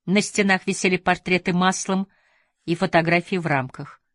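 A woman reading a novel aloud as audiobook narration, measured and even. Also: lowish voice, dry recording, clean studio sound. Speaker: audiobook reader. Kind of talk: scripted narration.

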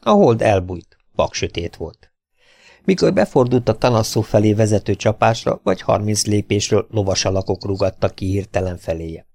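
A male audiobook narrator reads an adventure novel in a steady, even way, with a low, gravelly voice. The recording is dry and close, with no room sound. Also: no room sound.

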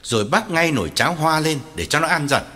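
A man's voice: on the high side, expressive, fairly quick, pushed and bright, faint music behind, voice pushed up. A man voicing a stern, furious older father who is a physician, giving harsh curt orders. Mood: gruff.

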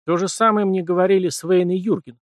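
A wry, self-assured warrior, as a male narrator voices him, a little raised in pitch and speaking with easy confidence. The sound is dry and close. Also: fairly even intonation, fairly quick, dry recording, lightly acted.

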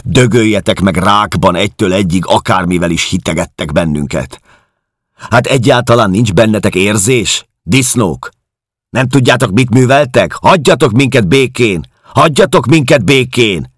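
A man's voice: sits low, expressive, no echo, clean studio sound, voice pushed up. A male audiobook reader voicing a bitter, furious interned woman who hurls scornful curses. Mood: furious shouting. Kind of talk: audiobook character reading.

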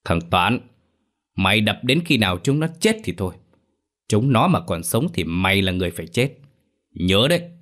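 A man voicing a cruel, domineering old village elder who barks orders in a hoarse voice, in a horror story. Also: lowish voice, very animated, normal speed, long pauses, fairly bright tone. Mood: menacing. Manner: barking orders, vulgar abuse.

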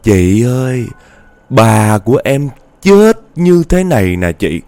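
A man's voice: medium pitch, sing-song, slow pace, mellow. Man voicing an eerie ghost girl.

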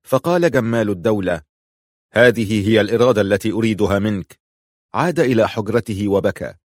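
A man narrating an audiobook in a measured, literary reading style. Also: fairly low pitch, no echo, studio quality.

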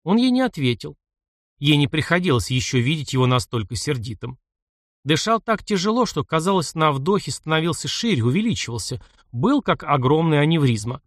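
A man narrating an audiobook in a measured, expressive reading voice. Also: fairly high pitch, dry recording, clean studio sound.

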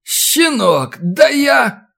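A man voicing a hot-tempered, grumbling man who blusters and shouts. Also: high voice, lively intonation, normal speed, voice pushed up. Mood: furious.

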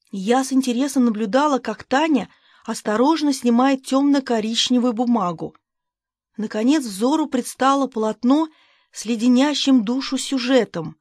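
A woman narrating a first-person audiobook in a brisk, lively storytelling manner. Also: fairly high pitch, no room sound, clean studio sound. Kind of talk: scripted narration.

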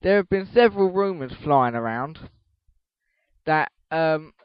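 A man's voice: a little high, lively intonation, unhurried, smooth, no echo. A teenage boy hosting a casual solo podcast, rambling, swearing casually and restarting his sentences as he goes. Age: teens. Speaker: podcast host. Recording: dull lo-fi podcast recording.

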